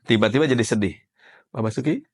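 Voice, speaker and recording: Speaking fast in a husky, mid-range voice, a man runs a conversational classroom lecture as an NLP trainer. He quizzes participants by name and explains things with everyday examples.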